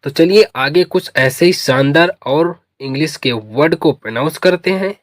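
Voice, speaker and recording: A man's voice: on the high side, normal speed, dry recording, clean studio sound. A man teaching English spelling, reading each word letter by letter, then asking his students to say it back. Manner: spells words letter by letter and asks students to repeat. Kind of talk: slow spelling lesson.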